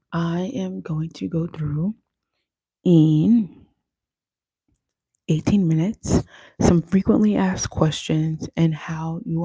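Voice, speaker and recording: A woman's voice: on the low side, vocal fry, warm tone, breathy edge, no echo. A young woman teaching makeup on a casual livestream, chatty and often checking in with "okay?".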